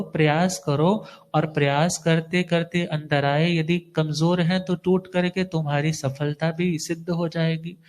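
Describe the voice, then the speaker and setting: A man with a somewhat high voice gives a devotional sermon as a monk. He teaches patiently and explains each point step by step. He often puts a question to his listeners and then answers it himself. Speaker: Jain monk giving a discourse.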